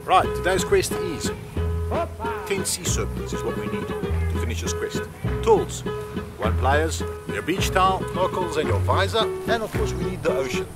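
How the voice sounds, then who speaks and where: A man voicing a theatrical male quest announcer, drawn out and sing-song, with loud music over the voice. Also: sits high, huge pitch swings, moderate pace, pitched above the performer's own voice.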